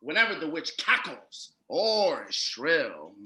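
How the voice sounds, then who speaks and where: A man in an exaggerated, shrill, bright voice acts as Wilhelm Grimm, the excitable old-world German fairy-tale teller, presenting upbeat comic patter and rhymed tales slowly. He scolds and emphasizes like a showman. The echoey home recording carries slight background noise.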